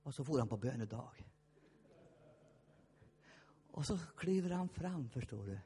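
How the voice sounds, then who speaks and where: A man's voice: medium pitch, lively intonation, warm tone, husky. A man preaching a fervent sermon, telling stories and acting out the voices in them. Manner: fervent, storytelling, acts out voices. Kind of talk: lively sermon with shouted peaks. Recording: long hall reverb.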